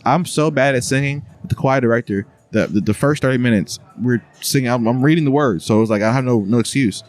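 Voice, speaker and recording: A man's voice: medium pitch, quick pace. Laughing, profane man telling stories. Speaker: podcast host. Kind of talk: casual chat.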